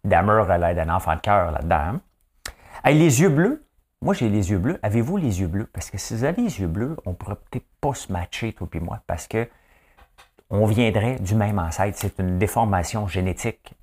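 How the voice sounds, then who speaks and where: A man's voice: lowish voice, expressive, normal speed, darkish tone. A male host with a Quebec French accent, running a chatty trivia monologue that keeps tossing in "hein?" and slipping into English phrases.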